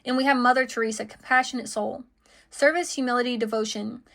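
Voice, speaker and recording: A woman's voice: on the high side, fairly even intonation, quick pace, gravelly, a bit bright. A woman giving an intuitive tarot reading to her viewers, chatty and full of "okay" and "like" fillers. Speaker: tarot card reader.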